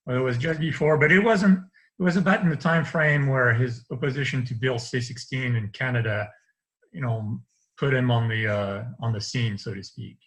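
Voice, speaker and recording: Chatting from his home study with bookshelves, a man from France joins a casual video-call conversation as an interview guest, heard through his webcam. He has a light French accent and a mid-range, fairly bright voice at normal speed, and he tends to ramble, restart often and let out light laughs.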